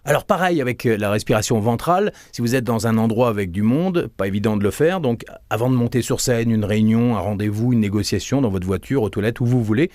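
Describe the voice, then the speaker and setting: A man's voice: medium pitch, quick pace, few pauses, no echo. Guy coaching breathing, voice jumps around a lot, super dry close sound. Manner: demonstrates breaths and hushing sounds, guides the listener step by step; lively, encouraging delivery. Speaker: voice and speaking coach. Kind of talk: instructional breathing lesson.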